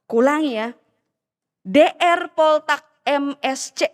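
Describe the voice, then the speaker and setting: A woman's voice: extremely high pitch, very animated, unhurried, long reverb tail, exaggerated voice. A woman putting on a sly boastful man with a Medan accent. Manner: exclaiming, hushed and conspiratorial. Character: sly, boastful man, a former minibus driver.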